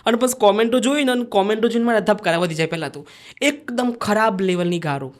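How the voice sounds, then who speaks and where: A man's voice: sits high, fast. A young man with a Sabarkantha Gujarati dialect, a vlogger and dancer telling his story as a podcast guest in a chatty way and acting out the lines he quotes. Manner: chatty, acts out quoted lines of himself and others.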